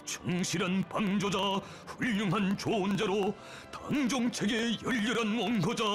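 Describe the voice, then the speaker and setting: Man, North Korean accent, high voice, reverent declamatory documentary narration, propaganda style, music underneath. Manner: solemn, reverent, emotive declamation.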